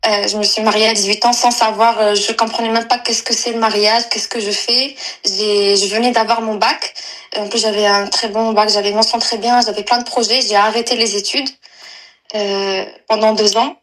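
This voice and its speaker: A woman in her twenties from Algeria, calling in to tell a personal story, halting and full of fillers and restarts. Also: medium pitch, little pitch movement, fairly bright tone, poor audio. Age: 20s. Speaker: caller. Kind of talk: personal confession on a live call.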